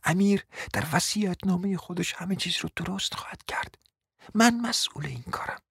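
A woman acting a cunning, flattering mother in a radio play, coaxing and often dropping to a whisper. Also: fairly low pitch, gravelly, husky, no room sound, full character voice. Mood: persuasive. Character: cunning, flattering provincial mother, persuasive and scheming. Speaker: scheming mother.

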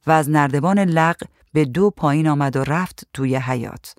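Brief: male story reader, steady narration, slightly high pitch, no room echo. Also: studio quality. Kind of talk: storybook reading.

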